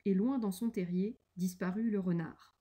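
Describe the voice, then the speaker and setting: A woman, a primary school teacher, reading a picture book aloud to young pupils in a slow, clear and expressive way. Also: mid-range voice.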